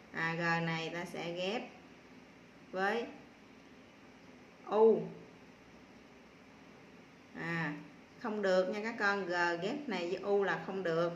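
A woman primary school teacher giving a slow spelling lesson to young children, patiently sounding out syllables one by one with filler pauses. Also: lowish voice, reverberant, a little hiss or hum.

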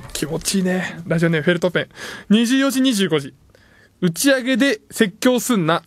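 A man hosting a late-night radio show, reading listener messages in playful, self-mocking banter and jumping suddenly into higher tones. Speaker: radio host. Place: radio studio. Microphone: studio microphone.

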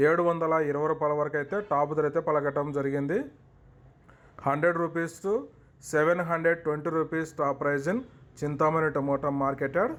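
A man's voice: fairly high pitch, fairly bright tone. A man with a South Indian Telugu accent hosting an informational market price report, listing figures methodically in repeated set phrases with some English mixed in.

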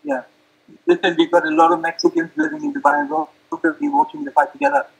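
A male reporter with a high, animated voice puts questions in a press interview. His tone is husky and gravelly. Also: fast, rough recording.

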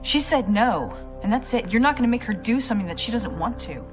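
A woman's voice: on the high side, expressive, brisk, natural voice. An actress playing a protective, needling, plain-spoken young woman with an American accent in a television drama. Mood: firm. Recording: dialogue over background music.

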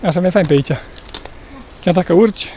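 Vlogger, man, high voice, relaxed trail chatter, faint outdoor noise. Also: rough recording. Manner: relaxed, chatty, talks while hiking. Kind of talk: casual hiking chat. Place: outdoors on a forest mountain trail.

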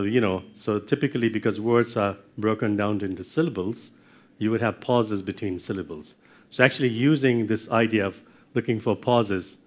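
A middle-aged man with a fairly low-pitched voice gives a university lecture in a lecture room, explaining things step by step and putting questions to his audience.

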